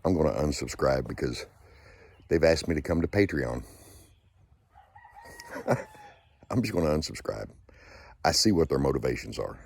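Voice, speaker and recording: A man's voice: a bass voice, lively intonation, moderate pace, gravelly, long pauses, dry recording. A man hosting his own channel, delivering an angry, profane rant with lots of repetition. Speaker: channel host.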